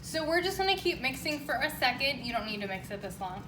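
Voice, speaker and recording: A woman's voice: high voice, sing-song, quick pace. A woman hosting a casual home baking demonstration in a chatty, informal, upbeat way. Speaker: home baking show host. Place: indoor home kitchen. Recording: echoey room, distant mic, clear noise.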